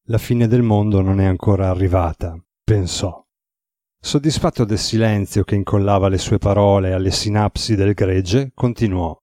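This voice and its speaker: A man reading a novel aloud as an audiobook narrator, in an even, measured way. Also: fairly low pitch, dry recording, studio quality.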